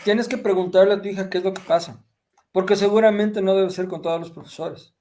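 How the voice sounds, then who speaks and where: A man's voice: sits high, steady tone, a little fast, mellow. A middle-aged man giving parenting advice in a conversational way, telling stories and often checking in with short tag questions. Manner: storytelling, frequent tag questions. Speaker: parenting speaker.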